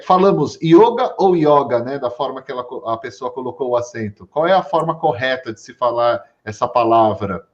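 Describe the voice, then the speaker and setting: A man's voice: mid-range voice, muffled recording. A Brazilian man hosting a casual Q&A, reading out audience questions conversationally. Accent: Brazilian Portuguese. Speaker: host.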